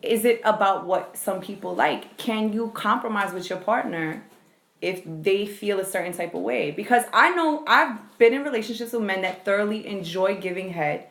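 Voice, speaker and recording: A woman's voice: medium pitch, moderate pace, creaky, a bit bright, reverberant. A woman hosting a casual podcast chat, asking probing, frank questions. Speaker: podcast host.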